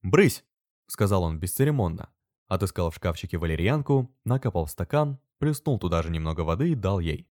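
A man reads a story aloud in a fairly low voice that rises and falls with lively expression. The sound is dry and close to the microphone, with no room around it. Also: fairly quick, no echo. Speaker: narrator. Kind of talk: audiobook narration.

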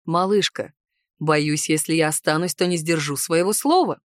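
Woman playing a restrained young noble husband, low and soft, dry close sound. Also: moderate pace, dry recording, close to an everyday voice. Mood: tender.

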